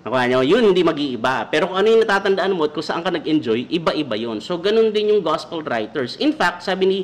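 Filipino male devotional host, slightly high voice, playful, keeps asking the audience along. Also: quick pace. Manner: jokey, animated, keeps checking in with the audience. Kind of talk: comedic Bible study livestream.

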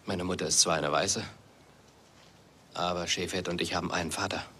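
A steady, commanding western hero. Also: male voice, deep voice, normal speed, slight background noise. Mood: calm firm. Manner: calm, firm, giving orders. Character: grown half-Native man, steady and commanding. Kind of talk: film dub acting.

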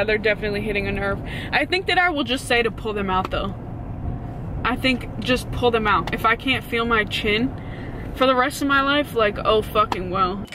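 A woman's voice: fairly high pitch, background noise. Blunt, sweary young woman vlogging casually. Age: 20s. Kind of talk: casual vlog chat. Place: parked car and a room at home.

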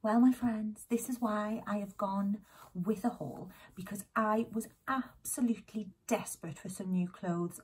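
A woman, chatting excitedly in a casual haul vlog, a little out of breath, dropping into whispered asides. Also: medium pitch, breathy edge. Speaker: YouTube vlogger. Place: home.

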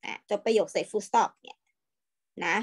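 A woman teaching a young children's class over a video call, patient and coaxing, repeating each word slowly so the pupils can follow. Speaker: primary school English teacher.

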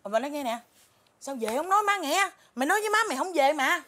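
Woman as feisty scolding mother, Southern Vietnamese accent, rapid high voice. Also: lively intonation, pushed and bright. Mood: cheerful. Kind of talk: comedy skit acting.

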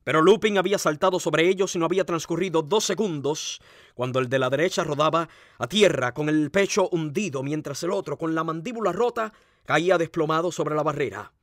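A man's voice: a little high, fairly quick, no room sound, clean studio sound. Man narrating a crime novel dramatically. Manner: expressive, dramatic reading. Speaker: audiobook narrator.

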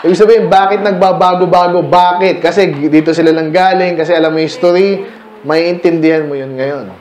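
Man, church seminar teacher, high voice, loose chatty lecture, keeps checking in with the room, echoey hall sound. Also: steady tone, a little fast, a little mellow. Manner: conversational, with constant rhetorical questions to the listeners; mixes English terms into casual teaching.

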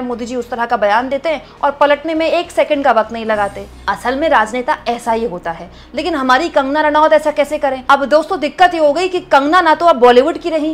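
A woman commentating on political news, reading out viewer comments and chatting to her audience as friends, with frequent hesitations. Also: sits high.

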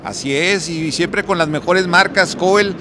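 A man's voice: high voice, measured pace, a crowd in the background. A man hosting a casual walkthrough vlog, chatting with fillers and restarts on a handheld mic in an indoor expo hall. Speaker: vlog host touring an electrical expo. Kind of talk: casual on-the-spot walkthrough and interviews.

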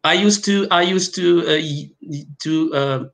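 In an online interview held over video call from a room at home, a guest pharmacovigilance specialist from Algeria speaks haltingly, stumbling through fillers and restarts. Arabic and French are his first languages. His voice is a little high and creaky, with a fairly bright tone.

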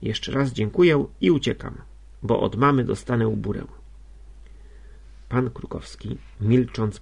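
A man reading classic prose as an audiobook narrator, in a measured, even manner. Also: fairly low pitch, vocal fry, slightly rough. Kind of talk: scripted narration.

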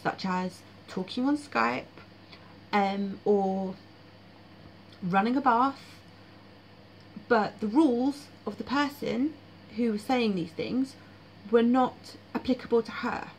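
A woman's voice: a little high, takes it slowly, a little hiss or hum, low-quality recording. A woman vlogging about her dreams in casual, frank, blunt monologue with frequent fillers.

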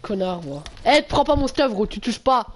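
A male streamer, chatting casually with viewers during a live game, full of slang and swearing, with sudden loud yelps. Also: extremely high pitch, sing-song, moderate pace, background noise. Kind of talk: casual gameplay livestream chat.

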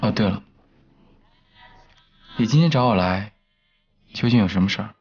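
A down-on-his-luck young gentleman from a once-powerful family, his voice low and tired. The lines sit over clear drama score music in a period TV series. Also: moderate pace, muffled recording. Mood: subdued. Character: young man, fallen son of a premier family. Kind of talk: TV drama dialogue. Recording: drama soundtrack with background music.

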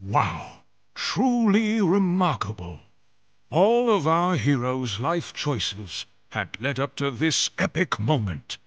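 A man's voice: mid-range voice, big pitch swings, slow pace, few pauses, no echo, lo-fi sound. A man narrating a game in a wry, mock-heroic storytelling manner. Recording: game audio under loud music.

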